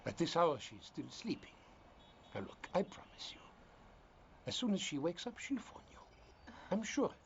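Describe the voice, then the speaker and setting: A cold, controlling politician. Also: male voice, fairly high pitch, sing-song, moderate pace, long pauses. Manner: smooth, dismissive, controlling. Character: calculating middle-aged male politician, cold and controlling. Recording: dull lo-fi dubbed film audio with faint hiss.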